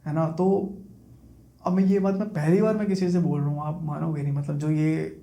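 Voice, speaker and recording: A man's voice: fairly high pitch, level tone, vocal fry. Young man telling a painful memory. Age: 20s. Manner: quiet, halting, repeats himself. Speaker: guest. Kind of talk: emotional personal storytelling. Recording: roomy echo.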